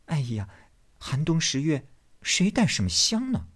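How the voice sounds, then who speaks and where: A man voicing a sharp-tongued, teasing young noble girl in a storybook reading, his voice raised high and soft. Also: animated, a little slow, slightly rough. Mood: coy. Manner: coy, mocking, playful.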